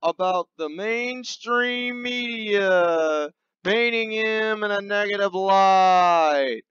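A man rants through a profane comedy monologue, mocking and repetitive. He talks slowly with a fairly high voice. The recording is dull and dry, with faint music behind him. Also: fairly bright tone, clean tone, no echo. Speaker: host of a satirical show.

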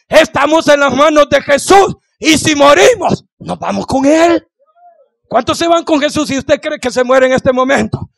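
A male pastor preaching a fervent sermon in a church, shouting refrains and dropping to hushed pleas, questioning the congregation. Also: extremely high pitch, gravelly, no echo. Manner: repeats "santo es el Señor" and questions the congregation.

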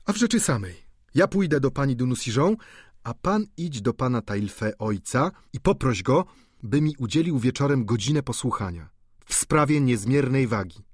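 A man's voice: medium pitch, animated, normal speed, husky, dry recording, clean studio sound. A man reading an audiobook, voicing an earnest young student who speaks in a raised, urgent voice. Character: earnest young male student, eager and anxious.

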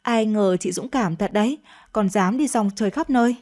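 A woman's voice: medium pitch, moderate pace, darkish tone, lightly acted. A woman reading a radio story, voicing a spiteful young sister-in-law with a needling, sarcastic way of talking. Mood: sneering.

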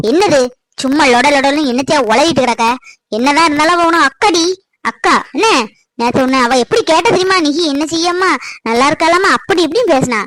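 A woman's voice: very high voice, fairly bright tone, no echo. A woman playing a coaxing middle-aged mother in a family drama skit. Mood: scolding. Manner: coaxing, earnest. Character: pleading middle-aged mother, soft and conciliatory.

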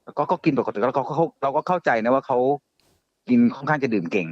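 A man casually telling a ghost story on a live show, halting and often repeating his words. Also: medium pitch, expressive, no echo, highs cut off. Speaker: guest storyteller.

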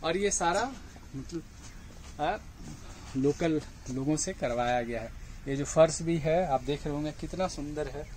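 A slightly high-voiced man in his forties gives a farm tour outdoors and patiently explains everything he shows. The recording is close up, with clearly audible outdoor noise behind him. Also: measured pace, darkish tone, low-quality recording. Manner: patient, points things out and keeps saying "look". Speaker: farm guide.

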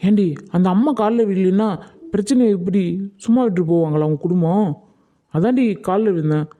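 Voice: mid-range voice, fairly quick, narrow, tinny audio, lightly acted. A performer voicing a fond, apologetic village husband in a cartoon, with a Tamil Nadu accent and a coaxing tone. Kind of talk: cartoon voice acting.

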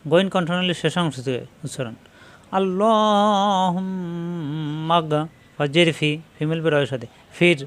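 A Bengali-speaking man gives a patient recitation lesson, breaking words into syllables and stretching them out as he demonstrates. His voice sits a little higher than most men's. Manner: slow, drawn-out syllables when modelling recitation. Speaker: Quran recitation teacher. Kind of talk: step-by-step spelling and pronunciation lesson.

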